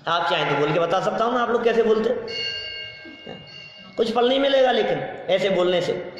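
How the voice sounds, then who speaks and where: A man with a fairly high voice teaches a class in a large hall, chanting verses slowly and firing questions at his listeners. The sound is dull and heavily echoed, with a long reverb trailing each phrase. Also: faint music behind. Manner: keeps quizzing the listeners. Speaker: religious teacher. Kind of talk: lecture to a class.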